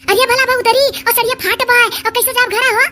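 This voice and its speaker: A woman voicing a shrill, flustered Awadhi village bhabhi. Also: fairly even intonation, brisk, sharp tone, slight background noise. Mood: pleading. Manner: pleading, defensive. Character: flustered young village sister-in-law. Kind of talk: cartoon voice acting.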